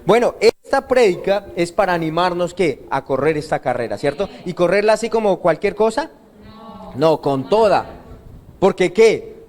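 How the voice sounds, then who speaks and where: A male pastor delivers a sermon at a church service, his voice sitting high for a man. He keeps throwing questions to the congregation and answering them himself in a call-and-response rhythm. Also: expressive, normal speed, darkish tone. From Colombia.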